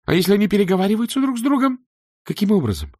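A man's voice: sits high, huge pitch swings, racing, darkish tone, no echo, studio quality, pitched above the performer's own voice, full character voice. Guy doing a raised-voice young woman, skeptical, practical, storybook. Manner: questioning, practical.

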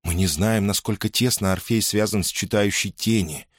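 Lilia, a gentle young woman, voiced by a man. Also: on the low side, moderate pace, dry recording, studio quality, natural voice. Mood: hushed.

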